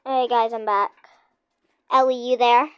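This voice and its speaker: A high-voiced young girl chatting through a game on her channel, giggly and chatty, talking to her viewers in between. Her pace is slow and easy, and the mic sounds close and dry. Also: steady tone, smooth, no echo, lo-fi sound. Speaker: gaming channel host. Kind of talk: casual gameplay chat with a friend.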